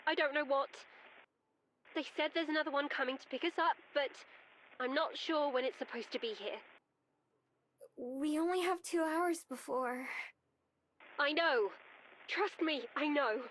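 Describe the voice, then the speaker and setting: A very high, anxious young woman. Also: normal speed, pauses often, fairly bright tone, slight background noise. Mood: worried. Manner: urgent, breathless pleading over a bad line. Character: anxious young woman stranded on a bus trip. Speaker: voiced character in a visual novel.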